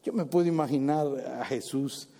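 A male preacher giving a sermon with animated storytelling, dropping English exclamations into his retelling. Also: on the high side, moderate pace. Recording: reverberant hall.

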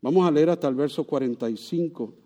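A man's voice: on the high side, fast talker. Man preaching with rhetorical questions. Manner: rhetorical questions, swings from loud to soft. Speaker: pastor. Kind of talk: sermon.

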